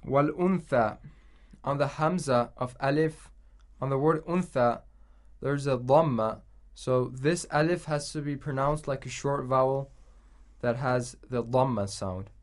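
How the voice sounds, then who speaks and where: A man's voice: mid-range voice, very slow. A man teaching Quran recitation, patiently explaining pronunciation letter by letter and reciting verses aloud for repetition.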